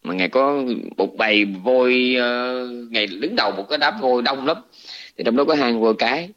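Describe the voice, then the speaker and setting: A man with a Southern Vietnamese accent, a Buddhist monk giving a dharma talk, retelling a scripture story in a colloquial, animated way. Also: medium pitch, moderate pace. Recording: dull lo-fi recording.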